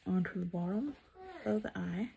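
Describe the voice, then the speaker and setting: Woman, makeup vlogger, relaxed chatty tutorial, gravelly low voice, slow. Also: background noise. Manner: relaxed, chatty, talks while applying makeup.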